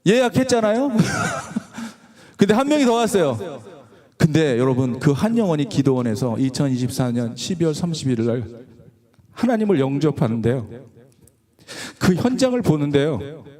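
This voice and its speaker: A middle-aged male guest preacher delivering a revival sermon, with a lively, rising and falling voice and a mellow, dark tone. He tells stories casually, acts out the lines of the people in them, and laughs along the way. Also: a little high, moderate pace. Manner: animated and conversational, acts out quotes, laughs often. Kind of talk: sermon with storytelling. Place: church sanctuary.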